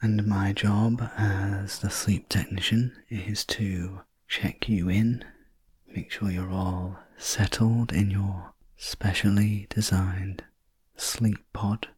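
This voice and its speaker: A very breathy, ASMR role-play by a man in the manner of a sleep story narrator. He is a calm, reassuring spacecraft sleep technician who speaks slowly and gently, low and close in a dry space. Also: no echo, full character voice. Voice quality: breathy, unvoiced soft voice.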